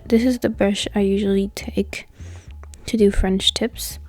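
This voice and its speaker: A woman's voice: mid-range voice, creaky, warm tone. A young woman giving a casual, chatty tutorial voice-over, her speech slightly impeded by a swollen mouth, with music behind her. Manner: informal, chatty, filler-heavy with "like". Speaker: nail technician giving a tutorial. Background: background music.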